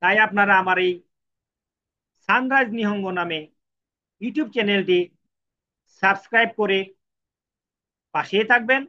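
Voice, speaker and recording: A man's voice: high-pitched, measured pace, long pauses. A man teaching a language lesson, patiently asking and answering his own questions and repeating each syllable three times. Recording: dull lo-fi sound.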